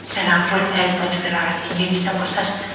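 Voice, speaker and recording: A woman from Spain giving a spiritual talk as a Carmelite nun, telling childhood stories in a lively way and acting out what people said. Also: fairly low pitch, fast. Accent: Spain Spanish. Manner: lively storytelling, acts out quotes. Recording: echoey hall from far off, faint noise.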